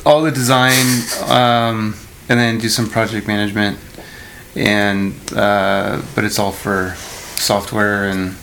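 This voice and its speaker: A man chatting on a podcast in a halting way, with many fillers and pauses. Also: fairly low pitch, flat delivery, a bit bright, a little hiss or hum. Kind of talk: casual chat.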